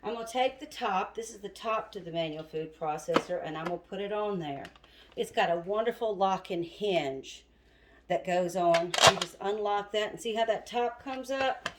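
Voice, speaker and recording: In a roomy home kitchen loud with chopping and clanking dishes, a woman with a mid-range voice talks at normal speed through heavy background noise. She's a cooking video host, slightly winded, chatting casually and addressing viewers as "y'all."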